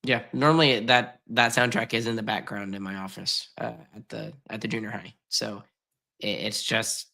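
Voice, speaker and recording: A man's voice: fairly low pitch, fairly even intonation, normal speed, vocal fry, sharp tone. A man co-hosting a casual podcast, a music teacher who talks emphatically and gushes as he urges listeners on. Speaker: podcast co-host; junior high music teacher.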